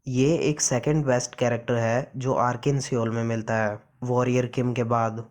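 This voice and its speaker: A man's voice: mid-range voice, flat delivery, normal speed, darkish tone, natural voice. Man reading a cocky young hero. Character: boastful young male hero, reckless.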